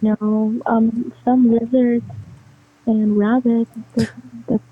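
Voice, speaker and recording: A woman's voice: a little high, flat delivery, takes it slowly, slightly rough. A nineteen-year-old woman answering a phone call with hesitant, mumbled replies. Her voice sounds faint and distant, as if the phone is held away from her. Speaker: prank call target. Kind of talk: phone conversation. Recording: tinny muffled phone line.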